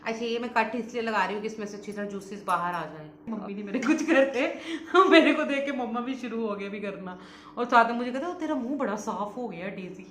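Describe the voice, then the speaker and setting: Young woman vlogging at home about beauty stuff, talks super fast and laughs a lot, kinda high voice, echoey room. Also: fairly bright tone, slight background noise. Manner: fast-talking and laughs often. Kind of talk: casual chatty vlog.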